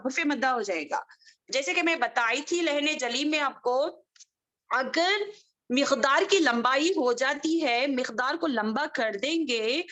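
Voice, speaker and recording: A woman teaching Quranic recitation over a video call, drawing out each word slowly, repeating it and checking that her students follow. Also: high-pitched, pushed and bright. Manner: slow, drawn-out demonstrations of Arabic words; patient, repeats and checks understanding. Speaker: Tajweed teacher.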